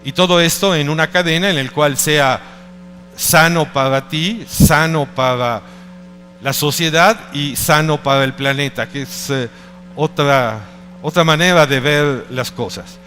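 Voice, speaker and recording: A man's voice: a little high, a little slow, pushed and bright, long reverb tail, soft background music. A middle-aged man from Italy with an Italian accent, giving a conference talk in a hesitant way, often restarting and searching for words. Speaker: speaker at a conference. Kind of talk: presentation talk.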